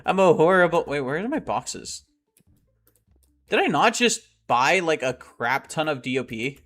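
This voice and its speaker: Young male streamer, excitable and rambling, with a raised, very animated voice. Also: on the high side, a little slow. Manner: excitable and rambling, often laughing. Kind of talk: casual chat to live chat while playing.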